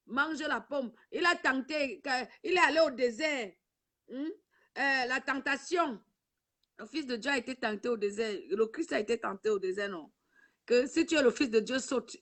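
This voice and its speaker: This woman, hosting a live video stream, lectures her camera emotionally and repetitively, with "ma fille" cropping up constantly. Her high voice has a fairly bright tone, picked up by the camera's own microphone.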